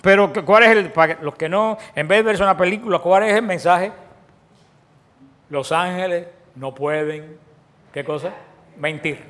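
Preaching in a high voice at a measured pace, this man pauses often. He asks his audience questions and supplies the answers, frequently restarting phrases and swinging between loud and soft.

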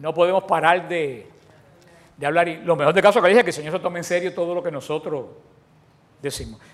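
A man preaching a sermon, asking his listeners questions and answering them himself, often restarting his phrases and swinging between loud and soft. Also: fairly high pitch, brisk.

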